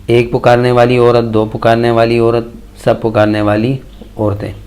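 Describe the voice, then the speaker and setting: A man teaching Arabic verb conjugations in a slow, measured lesson, reciting tables one form after another. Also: mid-range voice, completely flat delivery, darkish tone, clean tone. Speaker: Quran and Arabic grammar teacher.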